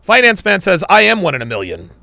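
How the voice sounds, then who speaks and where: A man with a high-pitched, gravelly, sharp voice reads super chats on a casual livestream, talking fast with huge pitch swings. He laughs often and sounds wry, but he's losing his voice and it comes out a little strained, with no echo.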